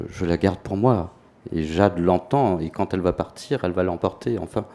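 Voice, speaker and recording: A man giving a reflective, measured and hesitant answer at a press conference. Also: low-pitched, dark tone, slight background noise.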